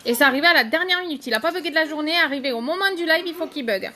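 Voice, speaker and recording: Woman, high-pitched, chatty live-stream host, casual product demo, faint background noise. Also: animated, very fast, sharp tone. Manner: chatty, greets viewers by name, many fillers. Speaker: makeup seller hosting a live stream.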